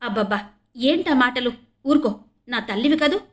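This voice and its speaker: A woman's voice: a little high, normal speed, close to an everyday voice. Woman doing a fond, scolding old nanny. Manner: affectionate scolding.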